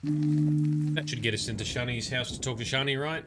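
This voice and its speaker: Over music, a man with a medium-pitched voice and moderate pace gives casual, rambling commentary while livestreaming a game. He mutters asides and grumbles at the characters.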